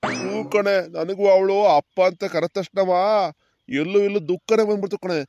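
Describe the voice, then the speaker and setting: A man voicing a gentle old village grandfather who calmly forgives, for a cartoon. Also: high-pitched, moderate pace, a little hiss or hum, close to an everyday voice. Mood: consoling. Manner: calm, consoling. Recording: dull lo-fi sound.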